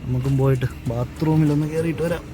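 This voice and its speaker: A man's voice: on the high side, fairly even intonation, fast talker. A man with a Kerala Malayali accent chatting casually to viewers as a travel vlogger, mixing English words into his speech. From Kerala, India. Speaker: solo travel vlogger and driver. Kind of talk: casual vlog chat to viewers. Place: mostly inside a car on the road. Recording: loud music over in-car vlog audio.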